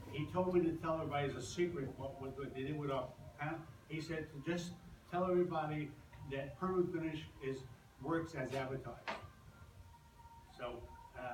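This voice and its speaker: An older man from Brooklyn, New York, with a fairly high, darkish voice, hosts a presentation for customers as a business owner, talking casually to a live audience. He rambles and jokes, halting and restarting as he goes. He's far from the mic in a large, echoey room full of people, so the recording is echoey and noisy.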